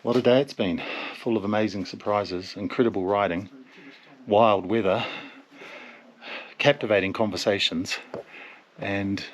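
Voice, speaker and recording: A man's voice: lowish voice, fairly even intonation, unhurried, long pauses. A man leading a motorcycle tour, narrating a travel vlog at mountain monasteries in a reverent, wondering way. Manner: wondering, softly reverent in temples. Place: outdoors and inside mountain monasteries. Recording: noisy outdoor recording.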